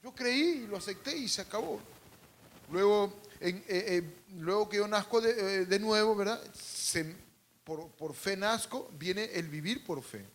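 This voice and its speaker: A man preaching a sermon to a congregation, calling out for responses, adding humorous asides, and swinging between loud and hushed. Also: high-pitched, lively intonation, a little slow. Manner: calls out to the congregation and asks for responses. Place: church service.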